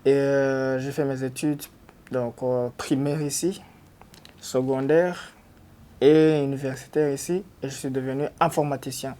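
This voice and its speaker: A man's voice: medium pitch, steady tone, unhurried, warm tone. A man in his thirties, born in Rwanda and raised in Belgium, who works in IT, speaking hesitantly in an interview. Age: 30s. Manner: hesitant, many fillers. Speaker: IT specialist. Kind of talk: testimony.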